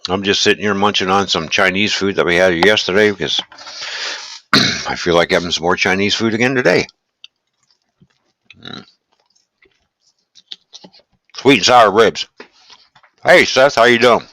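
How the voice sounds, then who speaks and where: A man hosting a casual live stream, chatting in a relaxed, rambling way and greeting viewers while he eats. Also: low-pitched, normal speed, pauses often, no echo. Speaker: livestream host.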